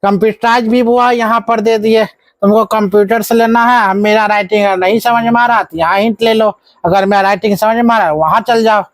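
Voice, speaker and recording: High-voiced teacher quizzing his class. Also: steady tone, a little fast, dry recording. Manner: coaxing call-and-response, scolding asides. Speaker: math teacher. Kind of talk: live classroom lesson.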